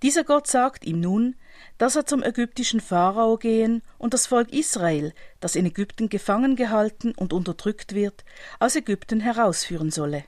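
Calm woman giving a measured sermon. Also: on the high side, no room sound, studio quality. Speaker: preacher. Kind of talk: scripted religious reflection.

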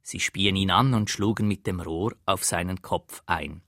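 Forceful, earnest male preacher. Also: sits low, unhurried, dry recording, clean studio sound. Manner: dramatic, earnest retelling. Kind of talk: first-person sermon narration.

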